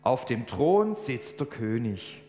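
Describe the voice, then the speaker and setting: Animated preacher in an echoey hall. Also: male voice, mid-range voice, takes it slowly. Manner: animated, emphatic storytelling. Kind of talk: sermon with storytelling. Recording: echoey church hall, faint hum.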